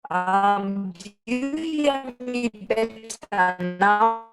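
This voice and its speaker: A woman on a video call whose bad connection turns her voice choppy and robotic. She speaks very slowly, in halting bits, over loud guitar music. Her voice is mid-pitched. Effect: choppy robotic-sounding connection. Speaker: panelist.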